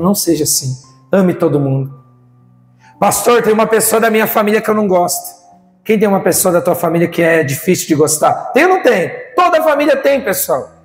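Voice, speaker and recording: A man's voice: sits high, reverberant, long reverb tail. A man with a Brazilian accent preaching a sermon as pastor, firing rhetorical questions at the congregation. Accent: Brazilian Portuguese.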